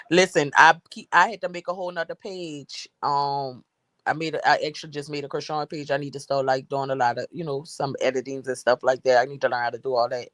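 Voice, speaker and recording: A woman's voice: extremely low pitch, fairly even intonation, fairly quick, fairly bright tone, no room sound. A woman in her forties, chatting casually on a live stream, rambling and repeating herself with frequent laughs. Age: 40s. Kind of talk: casual chat.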